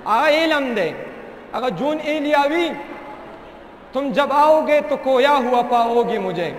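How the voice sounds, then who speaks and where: High-voiced young man orating in an echoey hall. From Pakistan. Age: young adult. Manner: impassioned, rhythmic oratory. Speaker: student speaker. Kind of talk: declamatory speech with recited verse. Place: large indoor expo hall. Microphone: handheld mic. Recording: echoey hall, faint background noise.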